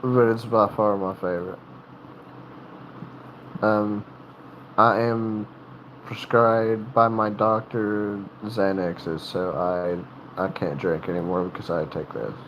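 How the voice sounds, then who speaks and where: This livestream host has a lowish voice and a level tone, captured on a muffled recording with slight background noise. He's from North Carolina, speaks with a Southern accent, and his casual chat rambles with many halts and restarts.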